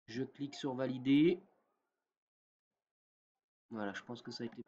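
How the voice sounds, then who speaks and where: A man giving a step-by-step software tutorial, with many fillers and a habit of asking "d'accord?" after each step. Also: medium pitch, normal speed, breathy edge, lo-fi sound. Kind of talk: screen-recorded software tutorial.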